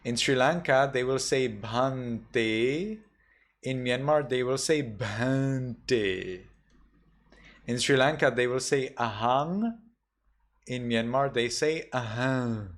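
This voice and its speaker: A man, a Buddhist monk, teaching a class, going slowly through pronunciation rules and carefully repeating each example word. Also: medium pitch, steady tone, fairly bright tone. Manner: slow, patient, repeats example words carefully. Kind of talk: online class instruction.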